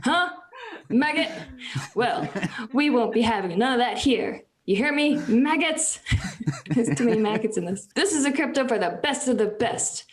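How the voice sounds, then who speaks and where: Woman doing a gruff army drill sergeant, giggling through it. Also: on the high side, lively intonation, moderate pace, lightly acted. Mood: barking, giggly. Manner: laughing through the bit, shouting insults.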